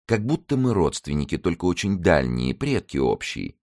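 A man's voice: low voice, sing-song, moderate pace, a little mellow, dry recording, clean studio sound. A man voicing a timid, embarrassed woman. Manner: timid and apologetic. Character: shy, embarrassed poor woman.

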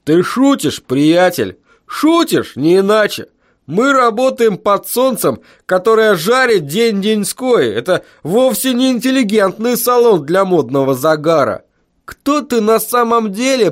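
A man doing a loud mocking road foreman. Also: high-pitched, very animated, a little slow, voice pushed up. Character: big sunburnt jeering male road foreman. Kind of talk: audiobook character voice.

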